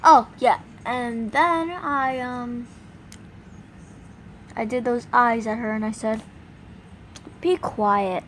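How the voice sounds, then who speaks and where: A woman's voice: on the high side, steady tone, takes it slowly, long pauses, fairly bright tone, a little hiss or hum, rough recording. A woman telling an improvised first-person scary story, rambling with fillers and restarts.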